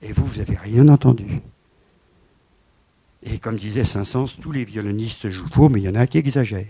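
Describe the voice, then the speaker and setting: A man in his seventies giving a lively lecture with slides, swinging from loud emphasis to quiet asides. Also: fairly low pitch, normal speed, breathy edge. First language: French. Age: 70s.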